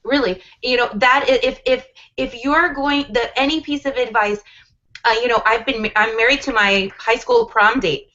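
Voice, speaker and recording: Woman, 40s, livestream guest, earnest, rambling, a bit high-pitched, lo-fi audio. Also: steady tone, normal speed, bright, forceful tone. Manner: earnest, rambling with many restarts. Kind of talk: casual livestream chat.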